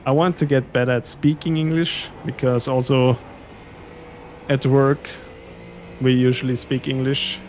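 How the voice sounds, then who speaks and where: Measured and often pausing, a man speaks in a darkish, mid-range voice with little pitch movement, and there's slight background noise. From Austria, he is a German native speaker with an Austrian German accent who streams sim racing, casually chatting with viewers and chuckling frequently.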